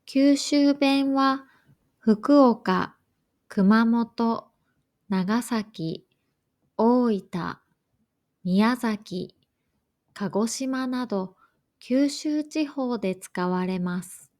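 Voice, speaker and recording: A woman reading a scripted lesson for learners in a slow, careful, even way. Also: a little high. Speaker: language teacher.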